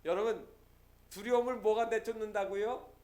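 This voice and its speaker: A man's voice: sits high, fairly even intonation, moderate pace, a little mellow. A man preaching a Sunday sermon as pastor, quoting scripture and urging the congregation with rising emphasis. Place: church sanctuary.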